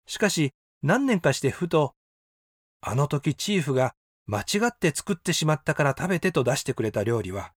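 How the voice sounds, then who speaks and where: Calm man in his sixties reading. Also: medium pitch, no room sound. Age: 60s. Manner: calm, measured, reflective. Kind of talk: read-aloud personal essay. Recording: dry close voice with faint background music.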